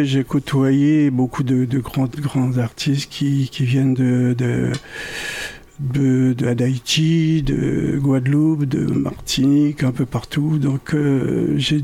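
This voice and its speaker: An older man from French Guiana, a musician guest in a radio interview, speaking slowly and haltingly with many repetitions. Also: medium pitch, creaky, mellow, breathy edge.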